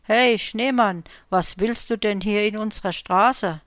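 A woman voicing a friendly, talkative blue spruce tree in a storybook reading, calling out brightly. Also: mid-range voice, unhurried, no echo, clean studio sound, close to an everyday voice. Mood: lively. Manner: calls out loudly and brightly.

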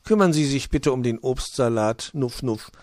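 A man speaks sweetly as a motherly female hedgehog in a children's storybook, his tone coaxing and a little mellow. His mid-range voice, at normal speed, is pitched above his own natural voice yet stays close to everyday speech. The recording is dry and studio quality.

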